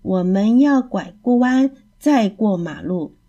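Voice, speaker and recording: A woman's voice: mid-range voice, lively intonation, slow pace, warm tone, dull audio. A woman voicing a chirpy parrot that repeats what others say in a storybook. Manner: repeats others, sing-song.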